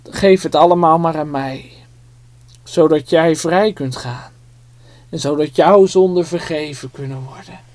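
A storyteller voicing a gentle, self-giving man. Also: medium pitch, unhurried, dry recording, natural voice. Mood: earnest. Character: calm self-sacrificing man, gentle and earnest. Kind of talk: children's Bible story.

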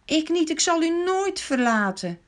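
A woman voicing a frightened, impulsive grown man who loudly swears he is not a follower, in a children's Bible story. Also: very high voice, sing-song, unhurried, pitched above the performer's own voice, full character voice. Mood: vowing. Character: frightened, impulsive adult male disciple.

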